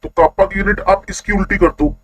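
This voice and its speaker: A man teaching a chemistry class online, constantly quizzing his students with quick questions. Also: high voice, fairly even intonation, noisy background.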